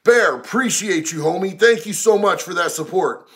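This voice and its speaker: A man's voice: sits high, moderate pace, a bit bright. A man casually chatting on a livestream, reading out viewer messages and answering in a slangy, candid way. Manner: slangy, candid, talks about prison life.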